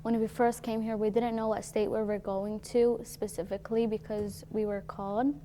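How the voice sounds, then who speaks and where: Teen girl telling her story, flat, mellow. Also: medium pitch, moderate pace, a little hiss or hum. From Syria. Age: teens. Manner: casual, uses "like" often. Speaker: guest. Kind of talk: personal storytelling.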